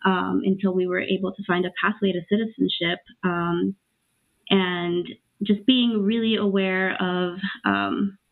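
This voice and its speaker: A young adult woman from Peru, raised in Los Angeles, speaking reflectively as a podcast guest with many pauses and restarts. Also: medium pitch, fairly even intonation. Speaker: guest, racial equity educator. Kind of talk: casual interview talk. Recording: tinny phone-like line.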